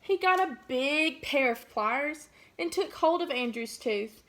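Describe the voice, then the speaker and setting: A woman teacher reading a picture book aloud and asking the children questions in a warm, child-directed way. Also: high voice, lively intonation, measured pace.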